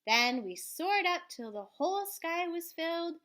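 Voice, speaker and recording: Reading a children's storybook aloud like a school librarian, a woman performs with theatrical swells and hushed drops. Her pitch is extremely high, her delivery very animated, and her pace a little slow.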